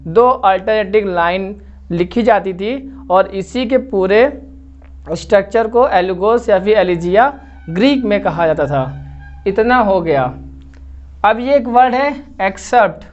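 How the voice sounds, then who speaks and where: A man's voice: high voice, a little slow, highs cut off, soft background music. A man teaching literature in a lecture video, explaining step by step and often checking that students follow. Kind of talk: classroom-style lecture video.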